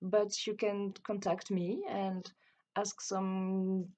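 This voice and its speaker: Hesitant French woman, mellow voice. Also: mid-range voice, flat delivery, extremely slow. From France. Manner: hesitant and explanatory, with frequent restarts. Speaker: French teacher. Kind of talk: self-introduction video.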